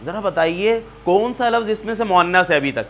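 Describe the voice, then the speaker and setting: A man's voice: high voice, animated, slight background noise. A man teaching a Quran vocabulary class, patiently drilling students word by word and correcting their pronunciation. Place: neighbourhood class room.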